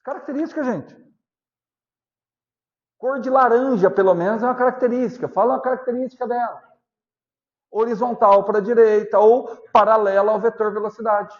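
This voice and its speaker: A Brazilian male physics teacher giving a class lecture, often stopping to ask whether students are following and repeating key points slowly. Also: extremely high pitch, highs cut off. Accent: Brazilian Portuguese. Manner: asks constant check questions, repeats points slowly.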